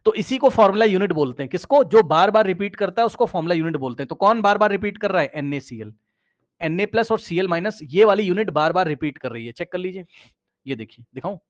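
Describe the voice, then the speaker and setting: A man with a fairly high voice explains chemistry in a loose, conversational way, repeating phrases and checking that his students follow. He often drops his voice lower as he points things out on screen. The recording sounds slightly dull and lo-fi. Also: animated, fast talker. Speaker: chemistry teacher. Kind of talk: casual classroom explanation.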